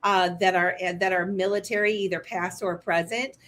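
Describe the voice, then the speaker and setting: A woman's voice: medium pitch, steady tone, normal speed, a bit bright. A woman in her fifties hosting a casual panel chat, chatty and teasing, with easy laughter. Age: 50s. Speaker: host.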